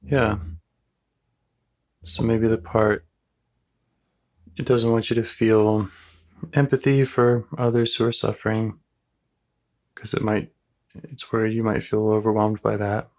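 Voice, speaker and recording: A male therapist speaks calmly and gently, reflecting his client's words back to her. His voice sits low and stays level, with little rise or fall. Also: slow, long pauses. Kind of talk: live therapy session.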